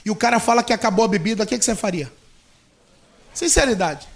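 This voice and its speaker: A man preaching a sermon as a pastor, with a Brazilian Portuguese accent, telling a story in a lively way and acting out the people in it. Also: high voice, fast, gravelly.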